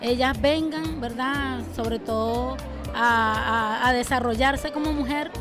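A woman's voice: high voice, slow pace. A woman loan recipient speaking plainly and gratefully in an interview. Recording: music playing underneath.

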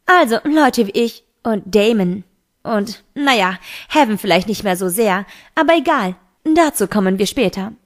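A woman's voice: medium pitch, animated, normal speed, lightly acted. A woman voicing a teenage boy who insistently questions a close friend, in an amateur audiobook reading. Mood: earnest.

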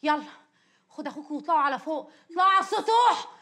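A woman's voice: high-pitched, lively intonation, rapid-fire, a bit bright. An actress playing a worried young wife and mother, insistent, in an Egyptian accent. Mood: anxious. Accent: Egyptian Arabic. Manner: anxious, insistent. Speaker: actor. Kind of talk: TV drama acting.

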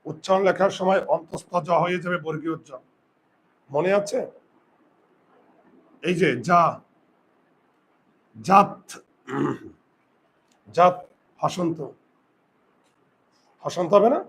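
A male teacher giving a grammar lesson, asking his students questions and slowly repeating words for them. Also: high-pitched, fairly even intonation, fairly bright tone, a little hiss or hum. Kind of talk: classroom lesson.

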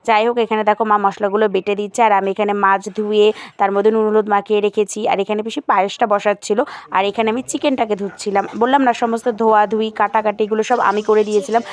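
A woman's voice: medium pitch, flat delivery, fast, a little mellow. A young woman, casually narrating her own vlog and chatting to viewers. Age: young adult. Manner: chatty, addresses viewers as "guys". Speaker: vlogger.

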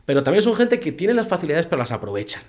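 A man in his thirties with a Castilian Spanish accent chatting on a podcast, telling things in an animated way, acting out quotes and swearing mildly. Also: a little high, racing. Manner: animated storytelling with acted-out quotes and mild swearing. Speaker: podcast guest, hunting professional. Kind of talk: casual podcast conversation. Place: small indoor podcast studio. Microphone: close boom-arm studio microphone.

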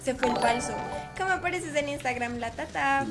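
A woman's voice: sits high, moderate pace, over loud music. A woman streaming a game live, teasing and chatting playfully with her viewers.

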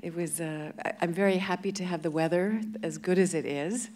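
A woman's voice: lowish voice, steady tone, fairly quick, a little mellow. A woman in her fifties, a guest actress in an on-stage interview, talking with handheld mic and hesitant restarts. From born in England, grew up in Canada. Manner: hesitant, many restarts and fillers. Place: large festival stage before an audience.

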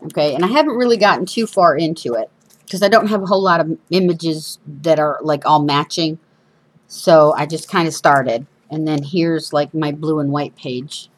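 A woman's voice: low-pitched, moderate pace, a little hiss or hum. A woman with whistling sibilants from missing front teeth, hosting a casual, chatty craft demonstration with informal, self-deprecating asides. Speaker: craft show host. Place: indoors at a craft table.

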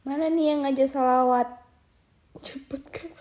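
Slow-talking young woman. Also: high-pitched, fairly even intonation, darkish tone. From Aceh, Indonesia. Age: 20s. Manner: chatty, reads viewer comments aloud and coaxes viewers to join. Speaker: live streamer. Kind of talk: casual live-stream chat. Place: indoors, lying on a bed. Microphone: phone held at arm's length.

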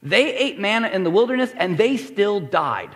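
In a reverberant church sanctuary, a man preaches a sermon as pastor, acting out the crowd and Jesus in quoted voices. His voice sits high and is sing-song, at a moderate pace.

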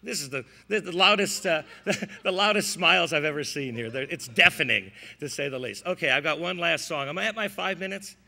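A man's voice: fairly high pitch, expressive, brisk, creaky, sharp tone. An older man with an American accent doing folksy vaudeville comedy patter at a stand microphone on stage, with wry asides to the audience. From American Midwest, Chicago area. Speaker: ukulele-playing comedian. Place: indoor stage at a live show. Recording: live stage sound with long reverb.

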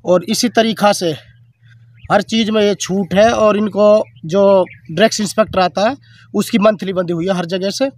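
A man, a social activist, making an unscripted, halting statement to a reporter, accusing officials. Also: high-pitched, fairly even intonation, dry recording.

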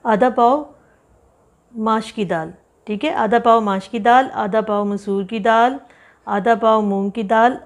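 In a home kitchen, a cooking channel host with a slightly high voice narrates a home cooking tutorial. She is relaxed, chatty and instructive, reading out ingredient quantities slowly and carefully, pausing and repeating items as she goes.

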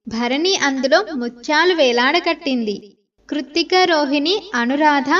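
A woman narrating a bedtime story in an expressive, lively storytelling manner. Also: high-pitched. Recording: slightly distant, dull lo-fi sound.

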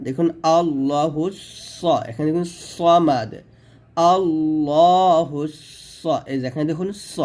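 Male recitation teacher with a Bangladeshi Bengali accent, slightly high voice, mellow tone, unhurried and drilling each sound. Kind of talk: slow spelled-out pronunciation lesson.

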